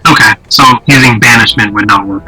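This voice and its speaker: Very bright, sharp-voiced male player. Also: fairly low pitch, a little fast, breathy edge, soft background music, poor audio. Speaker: tabletop game player. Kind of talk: casual game questions.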